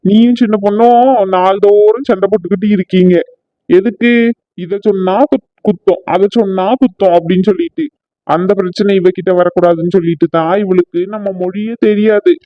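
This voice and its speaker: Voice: medium pitch, fairly even intonation, a little fast, no room sound, highs cut off, natural voice. A performer playing a defiant, exasperated married son in a cartoon family comedy.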